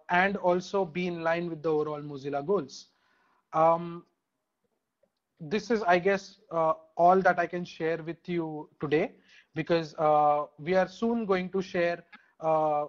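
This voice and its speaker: A man giving a status update in an online meeting, pausing often with fillers. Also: on the high side. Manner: hesitant, many fillers. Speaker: project contributor giving an update. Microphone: video call. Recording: dull lo-fi audio.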